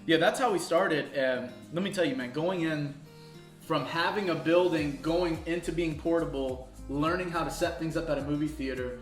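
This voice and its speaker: A man's voice: a little high, normal speed. A man in his thirties, a campus pastor, telling stories casually in an interview and laughing at himself. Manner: storytelling, laughs often, self-deprecating. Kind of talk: casual interview over food. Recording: echoey room with faint music.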